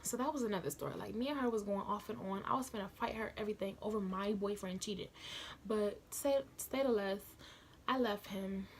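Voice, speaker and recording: A woman's voice: medium pitch, fairly quick, a little hiss or hum. A young woman telling a personal story casually into a phone camera, chatty and slangy, building the drama as she retells it. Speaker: vlogger.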